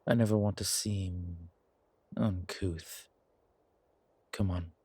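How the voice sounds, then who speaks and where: A man heavily acts the part of a wry, suave incubus in intimate audio roleplay, his delivery polished, deliberate and teasing. The low-pitched voice is husky, breathy, slightly mellow and steady in tone. It's a dry recording with a teasing, dry mood.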